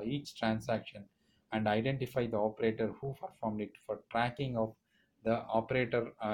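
A middle-aged man giving an informal technical lesson on warehouse software, speaking haltingly with many fillers and restarts, recorded on a phone held low in an indoor room. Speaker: SAP trainer. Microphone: phone camera held low.

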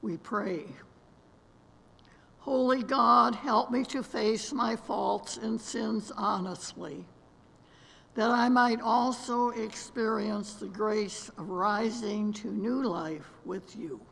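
A woman's voice: fairly high pitch, takes it slowly, creaky, a bit bright. An older woman reading a solemn meditation and prayer at a lectern in a large church sanctuary. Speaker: worship leader. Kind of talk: slow scripted meditation and prayer. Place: large church sanctuary, seated among robed choir. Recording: long church reverb.

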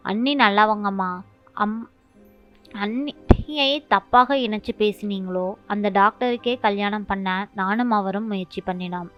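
An earnest young daughter, voiced by a woman narrator, explaining patiently to her parents. Dull lo-fi recording with soft music beneath. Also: mid-range voice, a little slow, natural voice. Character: young woman defending her sister-in-law.

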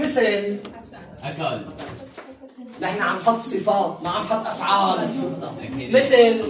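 A woman teaching a classroom lesson, drilling word patterns slowly and repeating them, chatting and laughing with her students. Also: medium pitch. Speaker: Arabic teacher. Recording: roomy classroom sound from a distant mic, crowd behind.

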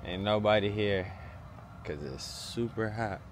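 A man in his thirties, a vlogger and father, chats casually to his vlog in a laid-back, slangy way. He holds the phone at arm's length, and his fairly low voice moves at a measured pace with a little hiss or hum underneath.

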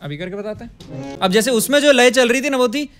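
A man's voice: very high voice, a little fast. A man teaching music, explaining rhythm with counted beats and short sung phrases. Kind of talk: music lesson with sung examples.

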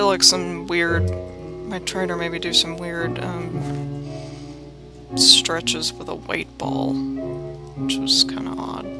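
A woman's voice: lowish voice, gravelly. A woman hosting a let's play, chatting casually and mocking herself, swearing freely and dropping into murmured half-whispered asides. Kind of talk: casual gameplay commentary.

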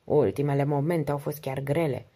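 A woman reading the lines of a charming, confident Englishman adventurer in an audiobook, in a calm, gallant manner. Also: extremely low pitch, slightly rough, exaggerated voice.

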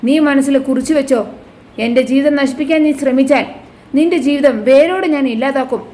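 A woman's voice: high-pitched, a little fast, warm tone, natural voice. A woman voicing a jealous, bitter young wife who accuses and threatens her sister. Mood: accusing.

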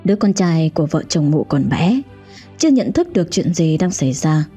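Mellow, husky woman telling a ghost story. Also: deep voice, very animated, moderate pace. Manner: dramatic storytelling. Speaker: storyteller host. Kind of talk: scripted ghost story narration. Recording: dull lo-fi audio with faint music.

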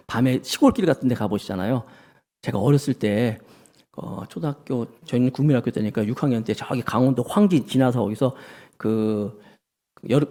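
Male pastor, middle-aged, high voice, very lively pitch, storytelling sermon. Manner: animated storytelling, acts out dialogue.

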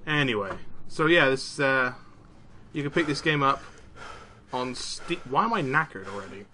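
A British man giving casual let's-play commentary, chatty and prone to excited exclamations. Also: medium pitch, moderate pace, slight background noise. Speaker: gaming YouTuber. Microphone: desk mic, no camera.

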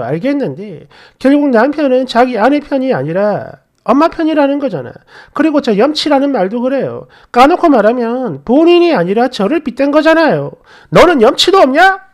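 A woman's voice: high voice, darkish tone. A middle-aged woman narrating a first-person family story, indignant and confiding, addressing the listener directly.

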